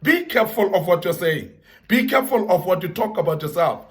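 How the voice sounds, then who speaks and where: Man, high voice, earnest motivational speaker who leans on repetition and scripture. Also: expressive, a little fast. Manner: earnest, repetitive emphasis, Bible references. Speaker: speaker giving advice to young men. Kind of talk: motivational talk.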